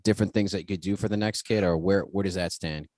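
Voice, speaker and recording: A man's voice: low-pitched, fairly even intonation, fast talker, a little mellow, no room sound. A man co-hosting a podcast who asks a long question after a few hesitant "um"s. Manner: hesitant start with "um", then a long careful question. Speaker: podcast co-host. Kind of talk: casual podcast chat.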